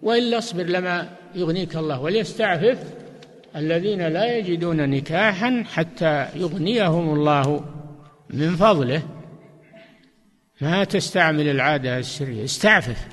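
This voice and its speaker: An older man with a somewhat high voice answers questions with blunt, firm rulings. He cuts the answers short and leans hard on single words now and then. It sounds recorded in a large hall with a long reverb. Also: lively intonation, moderate pace, fairly bright tone. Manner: firm, curt answers with sudden stressed words. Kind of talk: fatwa Q&A session.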